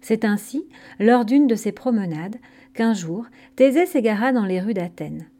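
A woman narrating a scripted myth story in a calm, gentle storytelling manner. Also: on the high side, unhurried.

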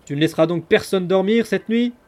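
A man voicing a gruff, bearded ruffian who hurls threats in a hoarse, booming voice. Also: a little fast, a little mellow, lightly acted. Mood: threatening. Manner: threatening, barking insults.

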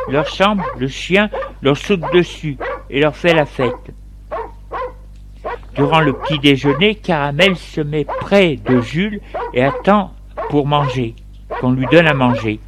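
A man reading a story aloud in a slow, deliberate way. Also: on the high side. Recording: steady background noise.

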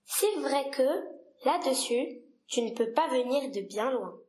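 Girl doing a little boy prince, earnest and pushy, real high voice, storybook read-aloud. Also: animated, a little slow, a little mellow. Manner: earnest, insistent, childlike questioning. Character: small curious insistent boy prince.

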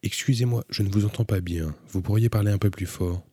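A man voicing a polite young woman who calls out loudly from far above, asking questions. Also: on the low side, a little fast, no room sound, studio quality, natural voice. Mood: questioning. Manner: raised, calling out from far above.

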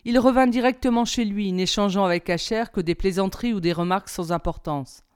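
A woman reads a novel aloud as a teacher, in calm, even storybook narration. Her voice is smooth and clear, sitting at a middle pitch. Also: brisk.

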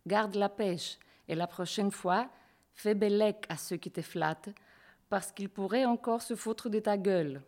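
A woman reading a sly flattering fox. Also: mid-range voice, unhurried, natural voice.

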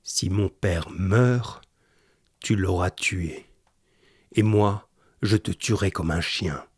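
A man's voice: on the low side, unhurried, a little mellow, slightly rough, no room sound, studio quality. A man reading aloud, voicing a desperate young sailor who fights to save his dying father in a spoken storybook. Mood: grim. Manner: pleading then grim.

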